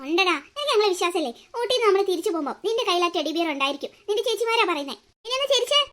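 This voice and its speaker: A woman's voice: extremely high pitch, lively intonation, very fast, fairly bright tone. A woman voicing a bold, clever young girl in a cartoon story, an indignant and protective big sister. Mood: plotting. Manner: indignant, plotting. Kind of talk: cartoon voice acting.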